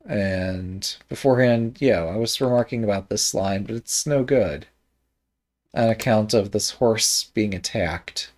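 A shogi game reviewer with an American Midwest accent thinks aloud in casual game commentary. His lowish, darkish voice moves slowly and musingly, hesitant and full of ums and trailing thoughts.

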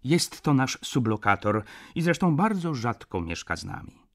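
A man's voice: mid-range voice, sing-song, moderate pace, pitched above the performer's own voice. A man reading an audiobook, voicing a smug young male student who speaks with sweet, mocking politeness. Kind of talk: audiobook character voice.

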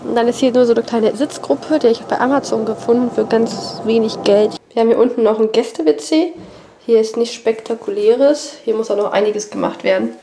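Her voice is a little high and mellow, with slight background noise. A family vlogger with a cold, she walks room to room in her family home, pointing things out chattily while holding a wide-angle action camera at arm's length.

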